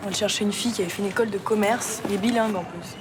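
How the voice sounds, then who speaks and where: An encouraging young woman, played by an actress chats breezily in a mid-pitched voice. Street and traffic noise fill the background of this TV soap drama scene. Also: fairly even intonation, racing, natural voice. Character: upbeat young woman encouraging her friend.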